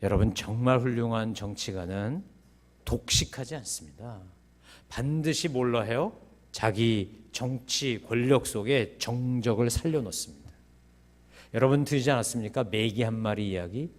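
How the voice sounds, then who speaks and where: A man preaching a sermon as pastor, asking rhetorical questions and breaking into sudden loud, high bursts. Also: moderate pace.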